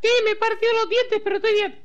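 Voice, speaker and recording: A man voicing a childish, playful little brother with a squeaky, pitch-shifted voice for a game role-play. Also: flat delivery, quick pace, fairly bright tone, dry recording, dull audio. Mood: plaintive. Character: little brother with a squeaky rat-like potion-altered voice.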